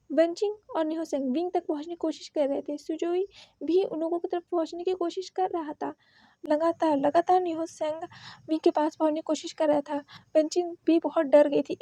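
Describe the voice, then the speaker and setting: Woman storyteller, very high voice, dramatic and repetitive; dry close recording. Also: creaky, mellow, no room sound. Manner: dramatic, repeats phrases for emphasis. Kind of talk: dramatic fan fiction narration.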